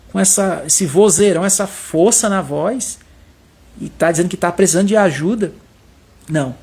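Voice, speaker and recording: A man's voice: high voice, husky. A man leading a Bible study, preaching in a conversational way and often tagging his sentences with short questions. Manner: conversational, repeats tag questions. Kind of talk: informal sermon.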